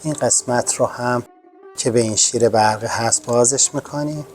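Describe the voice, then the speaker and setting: A man hosting a repair channel, giving a calm, polite step-by-step tutorial. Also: medium pitch, music in the background. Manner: calm, polite and methodical explaining. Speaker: host of a home repair channel.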